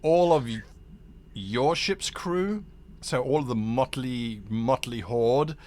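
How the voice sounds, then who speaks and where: A man narrating a tabletop game as game master, lively and laughing, with many fillers. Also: mid-range voice, slow pace.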